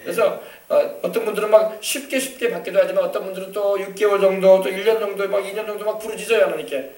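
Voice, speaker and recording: A man pastor preaching a sermon with emphatic delivery, sometimes shouting and acting out quoted voices. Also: high-pitched, fairly even intonation, fast. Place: church sanctuary. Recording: echoey church, voice from a distance.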